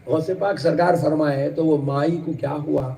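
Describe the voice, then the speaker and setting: Male preacher, rhythmic storyteller who builds to shouts; slightly high voice, mic well off. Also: fairly even intonation, vocal fry, far from the mic, slight background noise. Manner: rhythmic repetition of phrases, rising to shouted emphasis. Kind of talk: religious sermon with storytelling.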